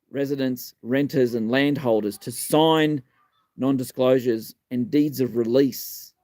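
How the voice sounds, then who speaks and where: Speaking live on politics and taking questions from viewers, a fifty-something Australian community advocate with a gap where a front tooth should be fires off short, blunt, emphatic phrases full of swearing. The stream host's voice is mid-range and mellow, without room sound.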